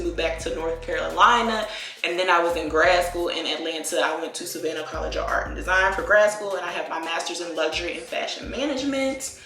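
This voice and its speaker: A chatty young beauty vlogger from Virginia, USA, does a casual get-ready-with-me talk, drawing out phrases and using lots of "like" and "y'all." Her voice is lowish and a bit bright, in an echoey room with faint music.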